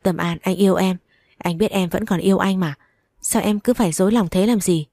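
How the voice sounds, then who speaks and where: A woman's voice: mid-range voice, steady tone, brisk, creaky, warm tone, no room sound. A woman voicing an obsessive, pushy man who will not let his ex go, in a read-aloud story. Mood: pleading. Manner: insistent, pleading then menacing.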